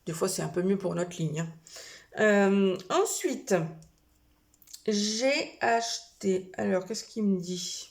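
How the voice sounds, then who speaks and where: Woman, casual haul vlog, chatty, hesitant, lots of fillers, medium pitch. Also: slow, a little mellow. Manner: chatty, hesitant, many fillers and self-corrections. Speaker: vlogger showing a shopping haul. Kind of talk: casual chat to camera.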